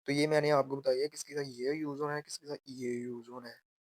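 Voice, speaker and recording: A man teaching grammar step by step, repeating and slowly drawing out example phrases. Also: medium pitch, little pitch movement, dry recording. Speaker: language teacher.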